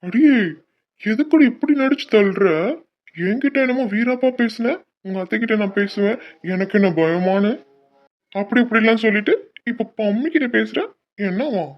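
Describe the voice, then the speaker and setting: A woman's voice: a little high, moderate pace, lo-fi sound, natural voice. A woman voicing a teasing young woman friend in a cartoon, mocking and scolding.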